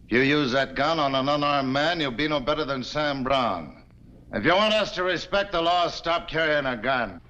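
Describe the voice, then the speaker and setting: A man's voice: on the high side, animated, moderate pace, bright, forceful tone. A blunt, accusing townsman, stern and unfriendly. His voice sits on a muffled vintage TV soundtrack. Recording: dull 1950s TV soundtrack.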